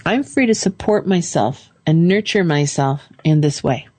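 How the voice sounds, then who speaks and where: A woman hosting a call-in show, calmly leading a caller through affirmations phrase by phrase. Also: sits low, slight background noise. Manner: calm, slow, leads phrases for repeating. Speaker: radio show host and coach.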